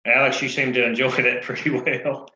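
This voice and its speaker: A man's voice: mid-range voice, flat delivery, moderate pace, pushed and bright. A man, a student, chatting casually on a video call. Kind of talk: casual chat. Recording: dull echoey video call audio.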